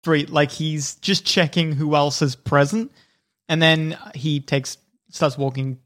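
A man's voice: a little high, steady tone, takes it slowly, a bit bright. Man narrating as game master.

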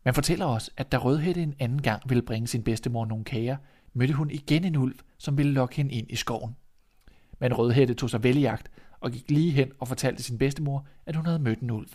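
A man hosting a podcast and calmly narrating a classic fairy tale. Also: medium pitch.

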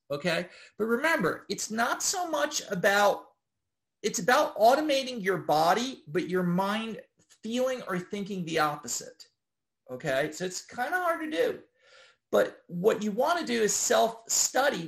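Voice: mid-range voice, very animated, unhurried, vocal fry, fairly bright tone. Rambling casual instructor, constant okay checks. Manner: rambling, with frequent tag questions of okay; loose and informal, with occasional swearing.

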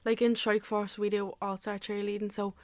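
Young woman, even and level delivery, dry close sound, casual and full of "like". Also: medium pitch, normal speed, no room sound. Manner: filler-heavy, says "like" constantly. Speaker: cheerleader and youth coach. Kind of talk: casual interview answers.

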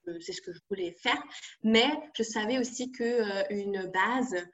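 A woman's voice: mid-range voice, measured pace, a bit bright, dull audio. A young woman from France, a guest in a casual interview, talking hesitantly with many fillers and restarts.

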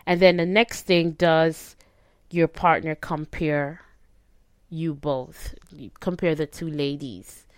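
A woman's voice: low-pitched, fairly even intonation, takes it slowly, clear, resonant tone, no echo, clean studio sound. A woman hosting a podcast, giving casual advice in a conversational way and often checking in with short tag questions. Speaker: podcast host. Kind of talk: casual advice talk to listeners.

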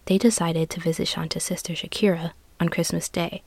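A woman tells a scripted true crime story as the host. Her voice sits a little low and the sound is dry, with little room on it. She keeps a serious, measured storytelling manner. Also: flat delivery, darkish tone, husky, dry recording.

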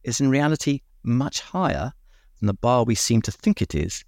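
A man hosting a podcast, reading a measured, reflective scripted summary with rhetorical asides. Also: mid-range voice, sing-song, a little mellow, no room sound, studio quality. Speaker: podcast host.

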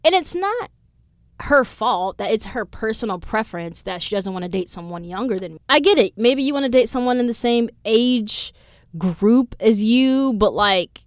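A woman's voice: on the high side, animated, moderate pace, no echo, studio quality. A woman in her twenties hosting a podcast, telling a story in a casual, blunt and profane way. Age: 20s. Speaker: podcast host. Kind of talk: casual chat.

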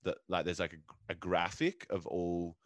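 A man's voice: low-pitched, level tone, measured pace. A man co-hosting a podcast, riffing in casual comedic chat in a sweary, matey way. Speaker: podcast co-host.

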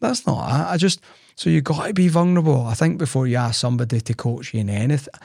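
A man's voice: medium pitch, fast talker, gravelly, a little mellow, breathy edge, dry recording, studio quality. A man, co-hosting a casual podcast and telling stories with quoted dialogue. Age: 40s. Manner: storytelling, acts out quoted dialogue. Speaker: podcast co-host.

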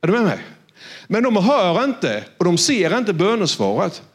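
High-voiced Swedish-speaking preacher. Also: male voice. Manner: lively storytelling, acting out voices, addresses listeners directly. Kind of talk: sermon. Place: church or studio with screens.

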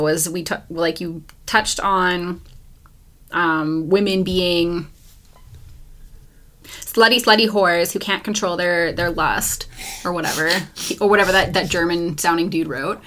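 A woman's voice: fairly low pitch, measured pace, fairly bright tone. Casual podcast co-host: woman, Californian surfer accent, loose, profane and filler-heavy. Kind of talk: casual chat.

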